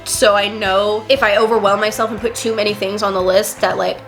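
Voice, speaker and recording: A woman's voice: mid-range voice, little pitch movement, brisk, fairly bright tone, faint music behind. A young woman vlogger with a stuffy, nasal voice from a cold, rambling casually with stuttering restarts. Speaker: lifestyle vlogger. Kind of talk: casual chit-chat vlog.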